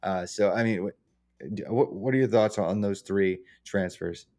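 A man's voice: deep voice, moderate pace, darkish tone. A man co-hosting a podcast, thinking aloud about football with many fillers. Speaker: podcast co-host. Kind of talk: casual sports chat.

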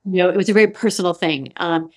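A woman hosting an interview podcast, her voice a bit lower than most. She works through her questions thoughtfully, with pauses and restarts as she searches for the right words. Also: darkish tone. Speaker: podcast host. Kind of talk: interview conversation.

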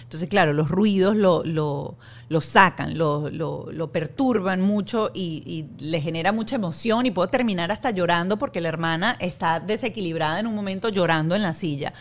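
A woman's voice: on the low side, normal speed. A woman hosting a casual chat, telling a family story and repeating words as she searches for them. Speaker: host.

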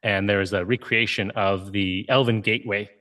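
This is a man in his forties, originally from Ohio, speaking with a fairly low voice. He is a game creator talking as a guest in an interview. He tells his story in a loose, easygoing way, checking in often with "right?" and "you know". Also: fairly even intonation, normal speed, bright, forceful tone. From Ohio, USA. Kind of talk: conversational interview.

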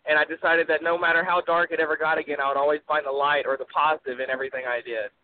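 A man's voice: on the high side, little pitch movement, very fast. A polite nineteen-year-old man with a Texan accent, calling in as an interview guest and talking earnestly, sounding like he is in a wind tunnel. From Texas, USA. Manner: polite, says sir. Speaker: phone-in guest. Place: call-in from a car. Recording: tinny phone line, windy noise like wind tunnel.

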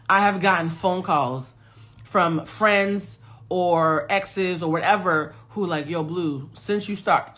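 Hosting a casual live stream from her phone, a self-mastery coach in her forties talks with emphasis to her audience and reads their comments. Her voice is fairly low in pitch with a fairly bright tone.

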